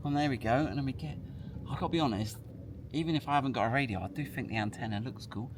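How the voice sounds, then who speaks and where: Here the product presenter talks fast at a medium pitch while casually demonstrating a product by hand. He thinks aloud and chats along the way, and clear background noise runs underneath.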